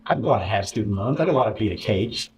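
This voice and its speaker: A man's voice: lowish voice, lively intonation, racing, a little mellow. A man recounting a bitter experience as an interview guest, rambling and sarcastic. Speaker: interview guest, former contestant. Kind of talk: candid storytelling. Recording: roomy, distant mic.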